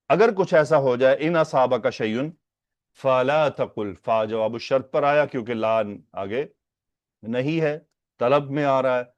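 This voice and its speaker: A man teaching a religious text in an unhurried lecture style, repeating phrases, breaking down their grammar and asking his listeners rhetorical questions. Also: medium pitch, dry recording, dull audio. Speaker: hadith teacher. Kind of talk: Urdu lesson on Arabic hadith grammar.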